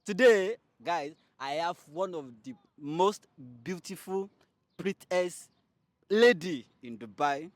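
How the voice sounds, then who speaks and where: A man hosting a casual interview show, energetic, with steady "mm" backchannels. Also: high voice, takes it slowly, no echo. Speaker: host.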